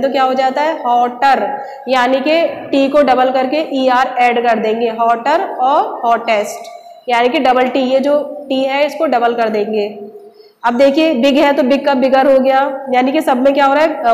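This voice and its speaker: A woman's voice: sits high, darkish tone, slight background noise. A woman teaching an English grammar lesson to children, patiently asking and answering her own questions. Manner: repeats rhetorical questions, slow and patient. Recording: echoey room with long reverb.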